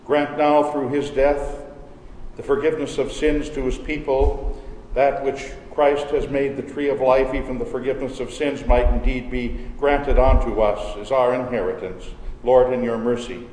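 A man leading a communion service as pastor, praying in a slow, measured, reverent way, his voice ringing with cathedral echo. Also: medium pitch, fairly even intonation, darkish tone, a little hiss or hum. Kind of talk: solemn liturgical prayer. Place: large church sanctuary. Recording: echoey church hall with long reverb.

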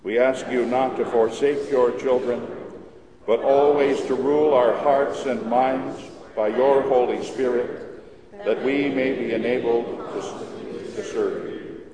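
Priest praying in cathedral echo. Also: male voice, mid-range voice, steady tone. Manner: slow, measured, solemn intoning. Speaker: officiating priest. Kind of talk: liturgical prayer and blessing. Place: large church. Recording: echoey cathedral, organ music behind.

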